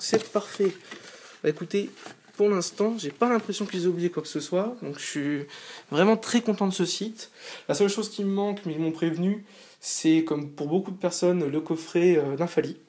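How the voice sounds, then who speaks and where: Here the same tired host talks through an unboxing from his little sofa indoors, keen and chatty yet frequently pausing to hesitate. His voice is slightly high with a darkish colour.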